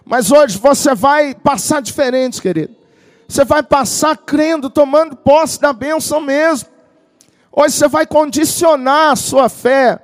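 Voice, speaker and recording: Very high-voiced preacher, shouting and hushed. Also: male voice, a little slow, no room sound, clean studio sound. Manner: swings from intimate storytelling to shouted declarations. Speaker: pastor. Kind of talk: sermon. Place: church tent.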